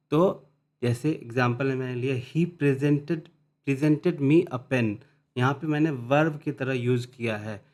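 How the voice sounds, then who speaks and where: Man teaching phonetics, slow readouts. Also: medium pitch. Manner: reads English definitions slowly, then explains in Hindi; restarts and repeats words while explaining. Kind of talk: explaining English phonetics.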